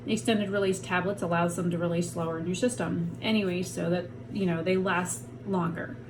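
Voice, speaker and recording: Speaking to her camera from home while lying on a heating pad in pain, a woman vlogger rambles frankly in a slightly low voice. A clear layer of background noise runs beneath her talk.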